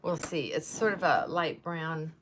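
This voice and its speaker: A woman in her sixties chatting casually on a livestream while she does her makeup, rambling from one tangent to the next and sometimes dropping to a soft murmur. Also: low voice, measured pace, slight background noise. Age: 60s. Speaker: livestream host.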